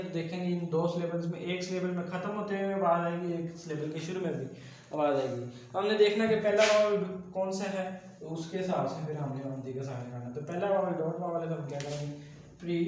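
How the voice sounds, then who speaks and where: A man teaching a shorthand class, slowly spelling out syllables and repeating each step. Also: sits high. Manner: slow, repetitive, spells out syllables. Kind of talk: classroom lesson explaining steps. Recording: very echoey, dull lo-fi sound, faint noise.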